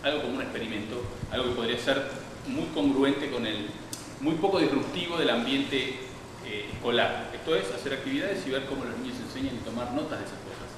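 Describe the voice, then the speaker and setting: A man's voice: mid-range voice, a little fast. A man giving a public science lecture, talking in a digressive way with many restarts and fillers. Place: lecture hall. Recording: distant, echoey hall, background noise.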